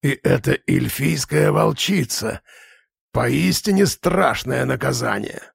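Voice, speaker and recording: A gruff orc shaman with a deeply gravelly, husky growl, as a male narrator puts him on. He grumbles and gives orders like an old chieftain's adviser, in a dry, close audiobook sound. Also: animated, slow pace, no room sound, exaggerated voice. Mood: grumbling. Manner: grumbling, commanding. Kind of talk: audiobook character voice.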